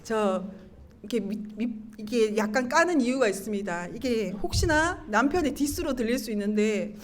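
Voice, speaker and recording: A middle-aged woman giving an animated, emotional church testimony, acting out her own quoted words. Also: fairly high pitch, normal speed, slight background noise. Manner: animated storytelling, acting out her own quoted lines, laughing and tearful at times.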